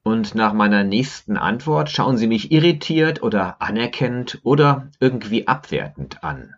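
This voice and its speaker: A man's voice: medium pitch, very animated, moderate pace, lo-fi sound. Wry man reading a personal essay. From Germany, Rhineland. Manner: wry, ironic storytelling. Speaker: podcaster and blogger. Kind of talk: scripted personal essay narration.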